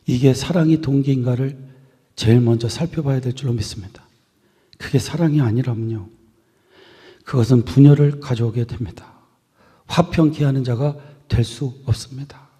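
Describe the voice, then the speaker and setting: A male pastor preaching a sermon to his congregation in a church, building phrases up with emphasis and letting them fall soft at the ends. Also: medium pitch, breathy edge. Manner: earnest preaching with swelling emphasis and soft trailing endings. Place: church sanctuary. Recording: long reverb of a church hall.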